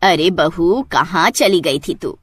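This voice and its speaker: A woman's voice: on the low side, takes it slowly, slightly rough, no room sound, studio quality, voice pushed down. A woman voicing a bossy, suspicious older mother-in-law. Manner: bossy, questioning.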